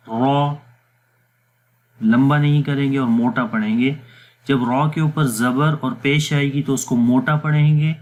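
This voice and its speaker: Man, Quran reading teacher, calm explanatory voice-over, step-by-step, mid pitch. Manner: patient step-by-step explaining, mixes English words, pauses with fillers; slow drawn-out demonstration syllables. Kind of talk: explanatory lesson with recitation drills.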